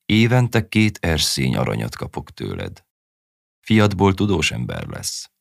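A man's voice: a bass voice, huge pitch swings, gravelly, no room sound, studio quality, heavily acted. A man voicing a greedy, gloomy male priest in an audiobook story, haggling and dour.

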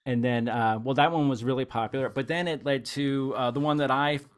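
A man hosts a podcast in a casual chat, rambling eagerly about music he loves and saying "you know" again and again. His mid-range voice is brisk, clear and resonant, with fairly even intonation.

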